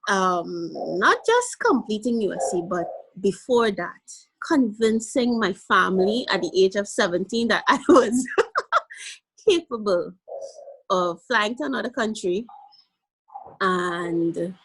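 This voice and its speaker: A young woman from Guyana, with a blend of Guyanese and Caribbean accent, is a guest in a casual interview, animated and playful and quick to laugh. Her mid-range voice takes things slowly. The audio quality is poor.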